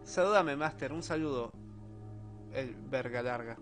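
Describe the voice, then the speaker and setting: A young man with an Argentine accent, live streaming a retro game in low spirits, joking in slang and reading chat aloud. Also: unhurried, over music. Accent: Argentine Spanish. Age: young adult. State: low-energy, subdued. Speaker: gaming streamer. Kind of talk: casual live stream commentary while gaming.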